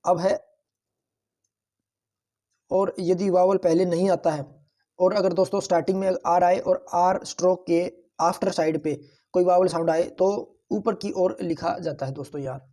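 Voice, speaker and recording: A man's voice: sits high, steady tone, normal speed, mellow. A man teaching shorthand, explaining each point patiently and repeating it, often addressing the viewers as friends. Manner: patient, repetitive, keeps calling viewers "friends". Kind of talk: classroom-style tutorial explanation.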